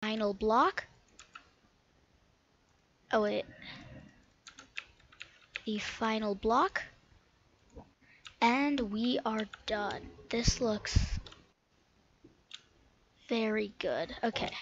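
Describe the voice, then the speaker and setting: A woman thinks aloud as she plays, slow and halting in her speech. Her voice is bright and tense, and it comes through a dull, lo-fi mic with keyboard clicking behind it. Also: fairly high pitch, a little hiss or hum. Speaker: gaming channel host. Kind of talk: live gameplay commentary.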